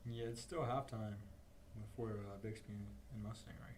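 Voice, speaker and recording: A young man doing play-by-play commentary for a high school football livestream, calling each snap in rising bursts. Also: fairly even intonation, moderate pace, background noise. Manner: calls plays in rising bursts. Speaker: play-by-play announcer.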